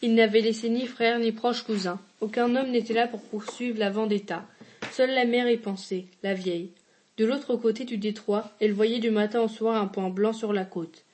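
A woman reads a literary short story aloud in a fairly high voice. Her delivery is measured and steady, with the odd slip where she backs up and restarts a word. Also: slight background noise. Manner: measured reading with occasional slips and restarts. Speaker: reader.

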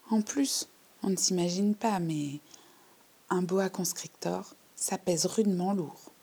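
A woman voicing a shy, overly polite little girl who tells her own story in a hushed, timid way. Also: fairly low pitch, creaky, slightly rough, heavily acted. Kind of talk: storybook reading.

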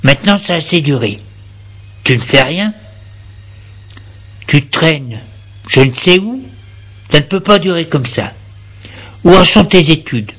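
An enraged, overbearing father berates his son with scorn, each word heavy and slow, as a man reads him out. The voice sits a little high for a man and stays harsh throughout. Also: expressive, fairly bright tone, husky, heavily acted. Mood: scolding. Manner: harsh, scolding, contemptuous. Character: furious, domineering middle-aged father.

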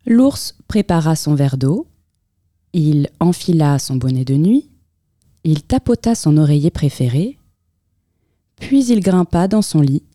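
A woman reading a children's picture book aloud as storyteller, with expressive, lively storytelling in a close, dry room. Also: low voice, a little slow, long pauses, dry recording.

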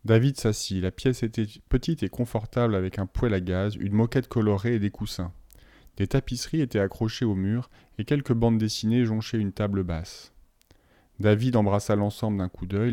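A man narrating an audiobook in a calm, measured storytelling voice. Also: fairly low pitch, no room sound, studio quality. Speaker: audiobook reader.

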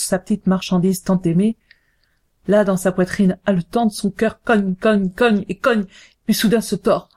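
Woman narrator, lyrical chant-like reading, mellow warm tone, storybook. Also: medium pitch.

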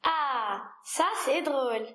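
A woman's voice: sits high, takes it slowly, bright, forceful tone, a little hiss or hum, heavily acted. A woman reading the part of a small, curious boy prince in a storybook reading, earnest and insistent. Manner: earnest, insistent, childlike questioning. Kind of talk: read-aloud storybook dialogue.

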